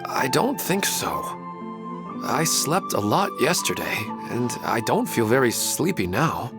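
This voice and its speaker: A man's voice: mid-range voice, big pitch swings, a little slow, vocal fry, music in the background. A man playing a mild, apologetic young man in a video game, hesitant and polite. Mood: bewildered. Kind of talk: video game character dialogue.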